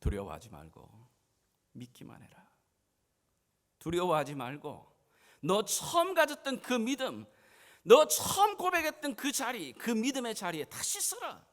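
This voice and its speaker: A man preaching in the voice of Jesus, a gentle but firm grown man, speaking in earnest, pleading address that rises to impassioned urging. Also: high-pitched, animated, normal speed, voice pushed up. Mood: urgent encouragement. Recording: church hall reverb.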